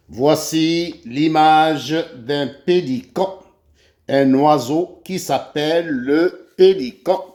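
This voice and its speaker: A man with an Algerian French accent teaching a children's reading lesson, spelling out syllables letter by letter. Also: fairly high pitch. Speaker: primary school teacher.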